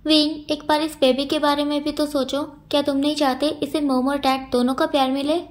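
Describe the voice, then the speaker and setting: A lovesick young man in a storybook reading, tearful and earnest, pleading again and again, as a woman reads him aloud. The voice sits high and bright for a man. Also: little pitch movement, brisk, lightly acted. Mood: persuading.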